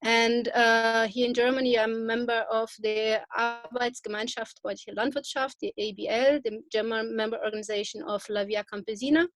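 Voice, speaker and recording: A woman from Brazil introducing herself on an online panel, halting and searching for words. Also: a little high, fairly even intonation, dry recording. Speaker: panelist, beekeeper. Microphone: video call.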